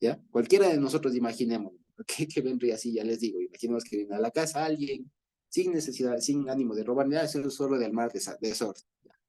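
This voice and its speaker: A man with an Ecuadorian Spanish accent leads a Bible study, explaining through everyday examples and chuckling often. He talks fast in a warm, medium-pitched voice.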